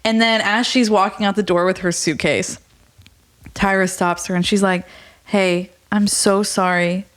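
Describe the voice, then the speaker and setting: A woman's voice: mid-range voice, fairly even intonation, normal speed, a bit bright. A young woman co-hosting a podcast, retelling a reality show story in casual chat, acting out quotes and saying "like" often. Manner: frequent filler "like". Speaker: podcast co-host.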